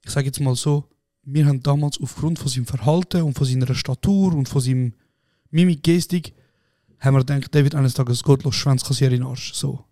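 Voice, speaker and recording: A man with a Swiss German accent, co-hosting a podcast and telling animated stories in slangy casual chat. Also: mid-range voice, a little fast, no room sound, clean studio sound. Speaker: podcast co-host. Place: podcast studio.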